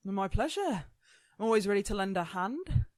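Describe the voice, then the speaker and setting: A woman's voice: medium pitch, lively intonation, moderate pace, a little mellow, dry recording, studio quality, close to an everyday voice. A woman playing War, a gleefully menacing, smug immortal gang boss with a taunting, sweary manner, in a radio play. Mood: smug, sly.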